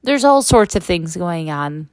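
A middle-aged podcast host delivers a casual, candid monologue from a makeshift, non-studio setup with no room sound, often checking in with a "right?". Her voice is fairly low and darkish, with big pitch swings and an unhurried pace.

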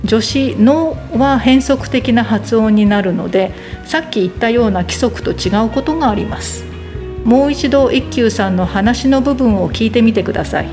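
A woman teaching a language lesson, slowly and carefully demonstrating how word accents differ. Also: a little high, music in the background.

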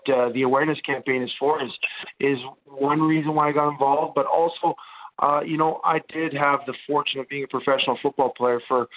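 This medium-pitched radio guest is a Montreal man in his forties, a former football player whose first language is Italian. His casual chat comes through a tinny phone line, chatty and wandering, stuffed with fillers.

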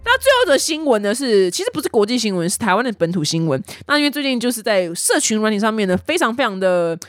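A young adult woman, hosting a casual news chat with animated storytelling. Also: a little high, fast, faint music behind. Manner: chatty, animated storytelling with voiced quotes. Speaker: news podcast host.

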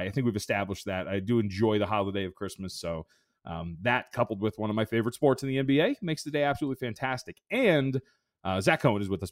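A man's voice: lowish voice, dry recording, clean studio sound. A man in his thirties hosting a sports betting podcast in a loose, rambling way with lots of fillers. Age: 30s. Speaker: podcast host. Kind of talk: casual chat.

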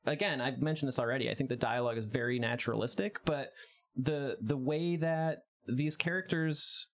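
A man's voice: mid-range voice, moderate pace. Chatty, opinionated man discussing a film. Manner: chatty and opinionated, with frequent restarts.

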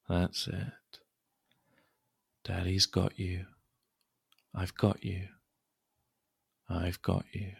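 Male actor as a soft-spoken caretaker: slow, low, dry close recording. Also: vocal fry, no echo. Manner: soft, hushed and soothing. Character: gentle coaxing adult caretaker man. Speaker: podcast host. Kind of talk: audio roleplay story.

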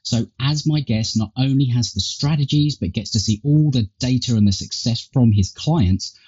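A man's voice: mid-range voice, a little mellow, slightly rough, highs cut off. A man speaking as a podcast host, delivering show introductions and announcements to listeners.

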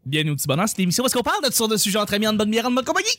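Quebec guy hosting a chat show, upbeat and jokey, high voice. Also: big pitch swings, very fast, heavy background noise. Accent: Quebec French. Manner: upbeat, joking introductions. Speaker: podcast host. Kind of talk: casual chat.

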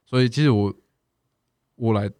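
A man's voice: medium pitch, moderate pace, darkish tone, no room sound, clean studio sound. A man, a native English speaker, chatting casually in fluent foreign-accented Mandarin with some English words mixed in. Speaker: podcast guest. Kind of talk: casual chat.

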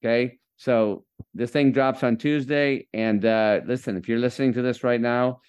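A man's voice: mid-range voice, fairly even intonation, moderate pace, a little mellow, smooth. A man hosting a faith-based podcast interview, enthusiastic and preacher-like as he encourages his listeners. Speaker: podcast host.

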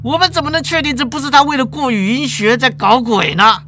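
A storyteller voicing a blunt law department head who lectures loudly. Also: a little fast, a little hiss or hum. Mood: scolding. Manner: loud, high and lecturing.

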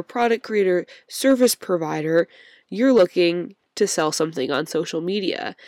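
A woman hosting a solo workshop-style podcast, croaky from a cold and upbeat as she speaks straight to her listeners. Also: lowish voice, darkish tone, no echo, studio quality. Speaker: podcast host.

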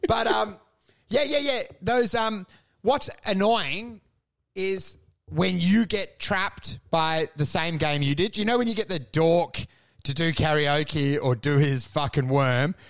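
A high-pitched, gravelly-voiced man rambling through self-mocking stories. He swears freely and keeps the talk casual and loose. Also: takes it slowly, fairly bright tone. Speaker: podcast co-host. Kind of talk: casual comedic chat.

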